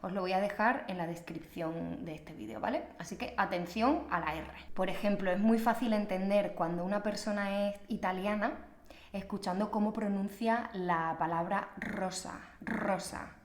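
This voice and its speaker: A woman's voice: medium pitch, moderate pace. A young adult woman from Extremadura in Spain with an Extremaduran accent, a Spanish teacher talking in a chatty, playful and self-mocking way. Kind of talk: casual teaching video. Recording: echoey room.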